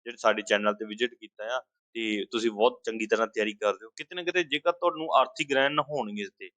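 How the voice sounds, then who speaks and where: A man's voice: on the low side, quick pace, bright, forceful tone, no echo. A man teaching an exam-prep language lesson, explaining with repeated everyday examples and asking and answering his own questions.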